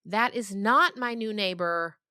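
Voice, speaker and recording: In a clean studio recording with no room sound, a woman novelist with a mid-range, bright, smooth and forceful voice tells stories unhurriedly. Her animated, conversational interview style is emphatic, and she keeps checking in with the listener.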